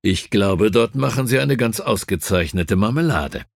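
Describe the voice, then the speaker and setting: A man voicing the Doctor as a lazy, sardonic gentleman in an audiobook, with a drawling, mocking manner. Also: on the low side, animated, moderate pace, vocal fry, no echo, clean studio sound. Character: lazy, sardonic male time-traveller, aloof gentleman.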